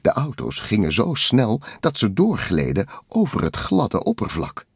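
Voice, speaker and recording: A man narrating a children's storybook in a lively, expressive way. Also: lowish voice, unhurried, creaky, husky, no echo, clean studio sound. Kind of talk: storybook read-aloud narration.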